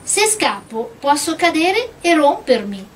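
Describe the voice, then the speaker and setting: A woman reading aloud and voicing a delicate, proud young porcelain princess in a storybook, with a high, breathless, pleading voice. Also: very animated, slow pace, a little hiss or hum, heavily acted. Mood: prim, wistful.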